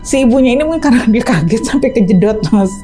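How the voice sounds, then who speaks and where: Mellow-voiced woman telling a story. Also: a little high, fast, faint music behind. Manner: chatty, animated, tags lines with "gitu". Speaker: ride-hailing driver, interview guest. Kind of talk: casual first-person storytelling.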